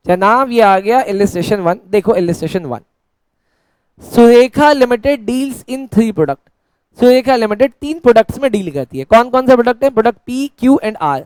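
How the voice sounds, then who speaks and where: A man's voice: very high voice, clear, resonant tone, dry recording. Playful Hindi-speaking male teacher, dry close sound. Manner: playful, switches between teacher and mock student voice; dictates slowly, word by word. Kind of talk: classroom lecture.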